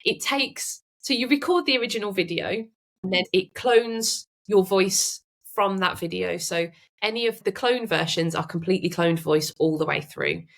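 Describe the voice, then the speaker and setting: A woman guest on a podcast who chats in a lively way and often laughs. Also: mid-range voice, normal speed, vocal fry. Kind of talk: casual interview chat.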